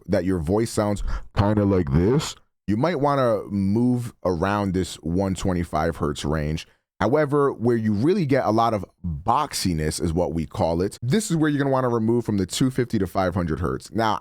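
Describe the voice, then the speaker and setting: A streamer with a deep male voice chats casually about how his microphone is configured, relaxed and self-correcting throughout this tutorial-style walkthrough. Recorded at home on a studio broadcast mic, the audio is studio quality with no echo.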